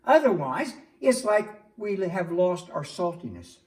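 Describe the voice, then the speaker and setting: A man's voice: high-pitched, very animated, a little slow, a little mellow. A man voicing a cheerful male puppet friend in a church skit, patiently explaining and angling for chips. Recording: echoey room, distant mic.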